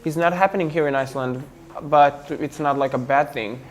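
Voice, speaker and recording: A young man from Serbia with a Serbian accent, talking in an interview, pausing often with fillers and restarts. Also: fairly high pitch. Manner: hesitant, many fillers and restarts. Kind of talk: casual interview talk.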